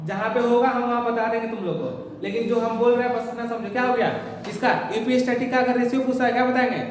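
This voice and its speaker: A woman teaching a biology class, firing questions at students and slowly repeating key terms for emphasis. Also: fairly high pitch, steady tone. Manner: keeps quizzing students with call-and-response questions. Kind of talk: classroom lecture. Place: large echoey classroom. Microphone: distant mic. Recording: echoey hall recording from far off, noisy.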